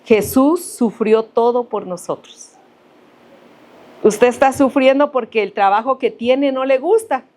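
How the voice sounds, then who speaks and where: A middle-aged woman from Central America giving a sermon that mixes a personal hospital story with scripture, telling it with animated, rising emphasis. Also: fairly high pitch, measured pace. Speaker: preacher.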